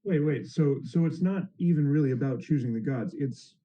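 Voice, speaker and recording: Dark-voiced male player on a dull mic. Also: a little high, moderate pace, a little hiss or hum. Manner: inquisitive, stumbling. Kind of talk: casual tabletop play.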